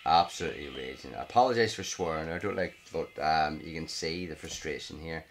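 Brisk and bass-voiced, a gaming vlogger from Northern Ireland plays a mobile game at home late at night. Fed up, he grumbles and curses at the screen as he commentates live, with a little hiss or hum in the audio.

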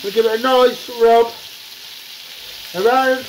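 An extremely high-pitched man speaks slowly in a steady tone, hosting a casual cooking show from his home kitchen stove. Chatty and working class in speech, he says "guys" constantly, and the recording is noisy with sizzling and frying.

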